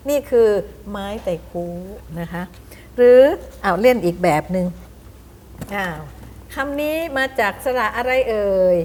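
A middle-aged woman teacher giving a lecture to other teachers. She explains reading methods, spells words out slowly with demonstrations and often puts questions to her audience. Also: mid-range voice, lively intonation, darkish tone, a little hiss or hum.

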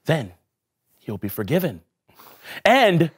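A man playing a husky, emphatic apostle preacher. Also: a little high, big pitch swings, slow pace, exaggerated voice. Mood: preaching. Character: apostle Peter, bold adult male preacher. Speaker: actor in a church skit. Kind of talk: comic church skit acting.

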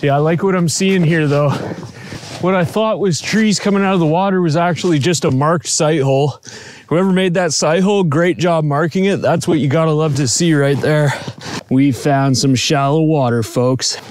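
This fishing channel host, a man from Ontario, Canada, in his thirties, keeps things cheerful and talkative as his camera mic captures him on a frozen lake and in a small tent. He speaks at normal speed in a slightly mellow, high-leaning voice, with a little background noise.

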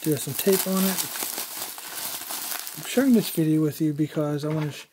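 Male collector, casual step-by-step unboxing narration, slightly higher voice, light background hiss. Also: moderate pace. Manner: conversational, explains step by step with fillers. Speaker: toy collector reviewer.

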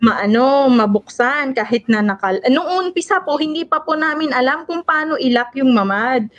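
A woman's voice: high voice, lively intonation, moderate pace, a bit bright, muffled recording. A woman from the Philippines, a caregiver, telling an interviewer how she survived an attack, in a polite, earnest and shaken way, going through events step by step. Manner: polite, adds respectful particles and retells events step by step; earnest and shaken while recounting. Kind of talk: emotional first-person testimony in an interview.

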